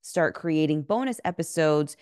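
Low-pitched woman, mouth numb from dental work. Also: animated, moderate pace, darkish tone, clean tone, no echo, clean studio sound. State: numb swollen face after wisdom teeth removal, speech slightly slurred. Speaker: podcast host and relationship coach. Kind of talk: casual podcast talk.

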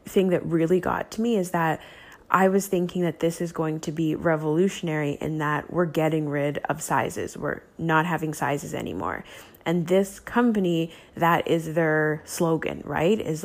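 A woman hosting a solo podcast, talking casually and candidly, full of self-doubt and fillers like "like.". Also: sits low. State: emotional, close to tears at times. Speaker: podcast host.

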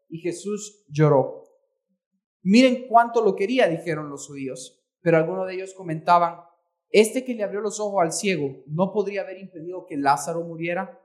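High-voiced male pastor reading scripture. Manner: reads scripture aloud, then explains it; corrects his own misreadings. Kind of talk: bilingual sermon with interpreter.

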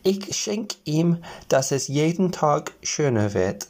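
A man voicing three little forest men in a fairy tale, speaking in a raised voice and a slow, solemn manner. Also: on the high side, big pitch swings, a little mellow, pitched above the performer's own voice, heavily acted. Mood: kindly. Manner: slow, solemn gift-giving.

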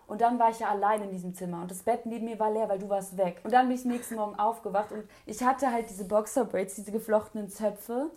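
A woman's voice: medium pitch, fast talker, few pauses. A young woman in casual chat, telling a story with lots of acted-out quotes and laughter. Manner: animated storyteller, acts out quotes, laughs often.

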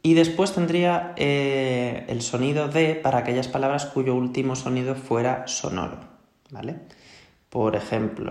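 A man from Spain with a Spanish accent gives an English pronunciation lesson, explaining patiently and checking in with his students. His voice has a gravelly edge. The recording sits in a noticeably echoey room. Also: mid-range voice, darkish tone. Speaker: English teacher.

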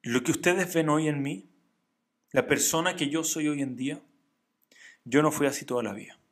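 A man's voice: on the high side, normal speed. A man voicing a remorseful father. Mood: confessing. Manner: earnest confessional speech. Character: remorseful father of two, once money-hungry.

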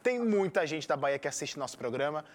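High-pitched Carioca man presenting a show. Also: expressive, a little fast. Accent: Carioca Brazilian Portuguese. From Rio de Janeiro, Brazil. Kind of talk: conversational TV presenting.

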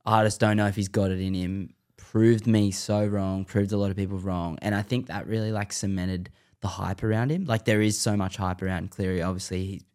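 A man with an Australian accent, a podcast guest chatting in a relaxed, agreeable way. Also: fairly low pitch. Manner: relaxed, agreeable, says bro a lot. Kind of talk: casual chat.

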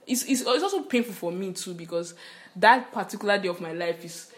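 A young woman with a Nigerian accent, co-hosting a podcast, speaking in a reflective, gently questioning way. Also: mid-range voice, animated, brisk. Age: young adult. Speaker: podcast co-host. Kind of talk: casual conversation.

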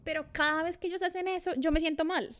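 High-voiced woman, chatty. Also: fairly even intonation, fast, a bit bright. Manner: chatty, self-reflective, many restarts. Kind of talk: casual conversation. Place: Australia.

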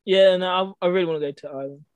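A young man co-hosting a podcast, teasing and quick to laugh in casual chat. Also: high voice, clear, resonant tone, no room sound. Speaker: podcast co-host.

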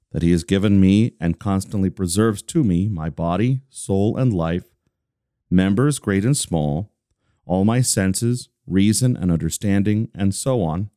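Deep-voiced man reading scripture calmly. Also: no echo, clean studio sound. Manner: deliberate, steady, slowing on listed phrases. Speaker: reader of a devotional text. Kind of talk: measured reading of a religious catechism.

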